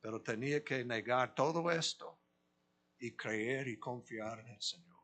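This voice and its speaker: Slow, forceful preaching man. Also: mid-range voice. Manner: slow, deliberate preaching with long pauses and forceful emphatic peaks. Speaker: pastor. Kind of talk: sermon. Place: church.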